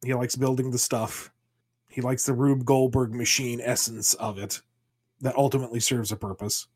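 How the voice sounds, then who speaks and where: A man's voice: mid-range voice, level tone, moderate pace, darkish tone, slightly rough. A man in casual podcast chat, playfully riffing on comic scenarios as a co-host.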